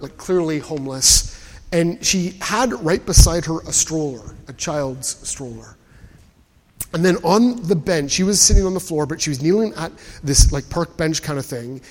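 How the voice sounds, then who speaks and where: A man preaching a sermon, telling a personal story in an animated way and often repeating words as he goes. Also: fairly high pitch. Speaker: pastor. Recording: preached in a hall with long reverb.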